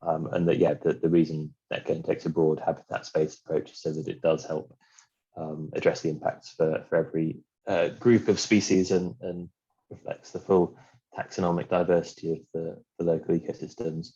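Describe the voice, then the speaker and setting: Very deep, flat, husky man. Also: moderate pace, lo-fi sound. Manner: informal, blunt examples. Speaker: policy expert. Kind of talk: webinar panel answer. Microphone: video call.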